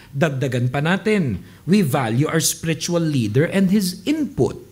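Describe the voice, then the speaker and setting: Animated high-pitched pastor. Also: male voice. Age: late 20s. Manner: animated storytelling, mixing Tagalog and English, acting out quoted people. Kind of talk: sermon.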